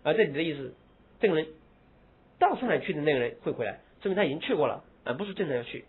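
A man teaching English grammar in a lecture. He explains in Mandarin, asks rhetorical questions and answers them himself, and drawls English example phrases slowly with heavy stress. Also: a little high, big pitch swings, breathy edge. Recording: tinny phone-like lo-fi recording.

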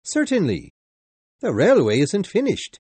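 A man's voice: high-pitched, wildly swooping pitch, unhurried, dark tone, slightly rough, no echo, pitched above the performer's own voice, heavily acted. Man doing a curt, blunt train conductor. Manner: curt, matter-of-fact.

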